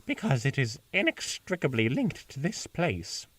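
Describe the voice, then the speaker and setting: A man's voice: medium pitch, wildly swooping pitch, moderate pace, fairly bright tone, no echo, recorded from a distance. A man voicing a regal, ancient female pony princess, reading her lines in a stately, raised voice. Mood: solemn.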